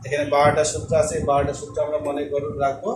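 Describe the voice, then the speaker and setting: A male math teacher giving a slow classroom lesson, repeating and spelling out each term. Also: a little high, completely flat delivery. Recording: echoey room, mic far off, noisy.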